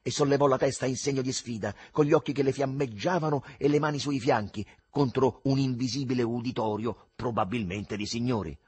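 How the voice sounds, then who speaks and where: Male audiobook narrator, husky and animated, dry close sound. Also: mid-range voice, a little fast, hardly any pauses, no echo. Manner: lively expressive reading.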